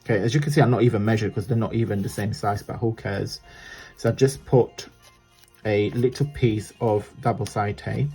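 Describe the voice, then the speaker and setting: His voice is fairly low, warm, and husky, with a steady tone at normal speed, while soft music plays in the background. An Italian-accented craft vlogger, he talks casually through a crafting tutorial, wandering off track, fixing his own words, and laughing frequently.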